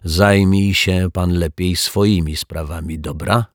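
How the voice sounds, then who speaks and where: A man voicing a lazy, quick-tempered male lodger in a children's story, snarling and shouting indignantly. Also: deep voice, fairly even intonation, no room sound, clean studio sound. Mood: surly.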